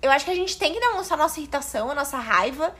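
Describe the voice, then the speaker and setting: A woman's voice: sits high, expressive, rapid-fire, a bit bright. A married woman with a southern Brazilian accent, chatting casually and thinking aloud with some hesitation. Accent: Southern Brazilian Portuguese. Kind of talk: casual discussion.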